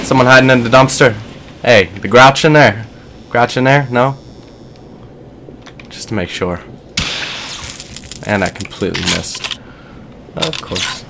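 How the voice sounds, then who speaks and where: A young man casually commentates on his own gameplay in a let's play, sounding nervous and self-mocking. His medium-pitched voice is a bit bright with vocal fry, and there's a little hiss or hum. Game music and sound effects play underneath.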